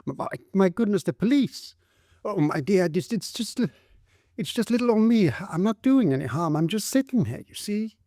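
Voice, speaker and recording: In a storybook reading, a male narrator puts on the high, shrill yet mellow voice of a frightened young servant girl who stammers as she pleads. His delivery is expressive at a moderate pace, captured close and dry with no room sound.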